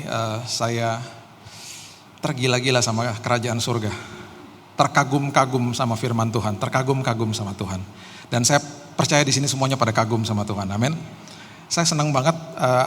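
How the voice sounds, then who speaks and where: A middle-aged man from Jakarta, Indonesia, with a medium-pitched, fairly bright voice gives a sermon as a guest pastor during a live church hall service. He tells casual personal stories in a conversational way, laced with self-deprecating humour. The sound is reverberant with faint background noise.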